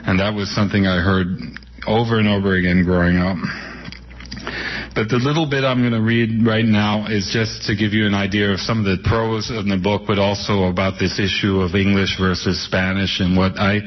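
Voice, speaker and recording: A New York City man in his sixties softly and unhurriedly reminisces, his lowish voice flat and broken by frequent pauses and fillers. An author appearing as a guest, he tells reflective stories and reads from his book, with a dull, radio-broadcast sound.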